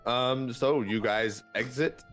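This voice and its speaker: A man running a tabletop game as dungeon master, narrating in a relaxed way with frequent fillers. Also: mid-range voice, slow, faint music behind.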